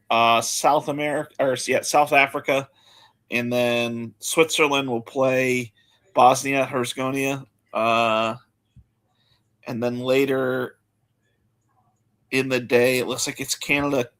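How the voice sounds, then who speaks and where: Male betting-show host, relaxed and chatty, mid pitch. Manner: relaxed, chatty, rattles off lists. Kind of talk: casual betting talk.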